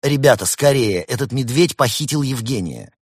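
A man voicing a brave, quick-thinking young male fox in a storybook reading. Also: low-pitched, lively intonation, a bit bright, breathy edge, dry recording, clean studio sound, heavily acted. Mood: alarmed.

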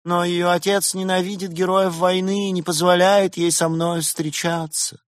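A man's voice: sits high, flat delivery, normal speed, no echo, studio quality, pitched above the performer's own voice, lightly acted. A man voicing a lovelorn tragic male fox actor, speaking melodramatically in a dead, mournful voice.

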